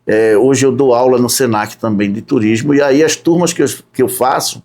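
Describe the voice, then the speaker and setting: A man from Recife chats as a podcast guest. He talks at an unhurried pace, listing his jobs one by one and tagging his sentences with a questioning "né?". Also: mid-range voice, darkish tone. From Recife, Brazil. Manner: unhurried, lists his work step by step with frequent "né?". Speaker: podcast guest, tourism guide. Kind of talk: casual interview chat.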